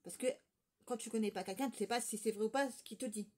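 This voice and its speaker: Fast-talking woman telling a gossipy story. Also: fairly high pitch, a little mellow. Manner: rambling, gossipy retelling with many fillers and restarts. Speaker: vlogger. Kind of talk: casual storytime.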